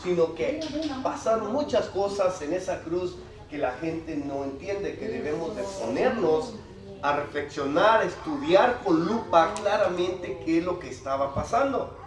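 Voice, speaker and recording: A man's voice: a little high, lively intonation, a little slow, crowd noise. A man preaching a sermon, explaining scripture conversationally and reading Bible passages aloud to the congregation. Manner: reads Bible passages aloud with rising emphasis. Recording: echoey hall from far off with congregation noise.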